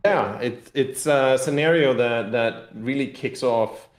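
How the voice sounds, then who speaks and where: Talking slowly at a medium pitch, this man represents a game publisher and walks an interviewer through a tabletop game. His explanation wanders and leans on the hedge "kind of," and the casual interview has a roomy, echoey sound.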